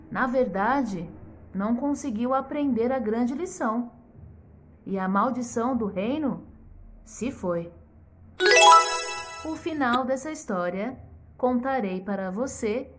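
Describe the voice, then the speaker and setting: A woman educational psychologist narrating a children's story expressively and ending with a moral lesson. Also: high-pitched. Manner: slow, expressive, teacherly.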